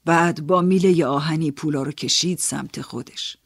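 A man's voice: on the high side, creaky, dry recording. Man reading an audiobook, dry close sound. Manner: measured, storytelling, first-person. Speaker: narrator. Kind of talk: audiobook narration.

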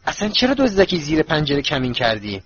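A man's voice: on the high side, huge pitch swings, muffled recording. A man reading a spiteful, suspicious thin aunt. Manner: hushed, hissing.

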